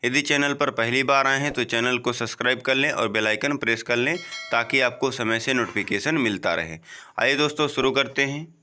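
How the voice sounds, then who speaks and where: Man, teacher, exam-prep grammar lesson, slow explanations, answers his own questions, voice dips low on answers. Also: pushed and bright. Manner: keeps saying "ok" and "friends"; drops low on the answer words.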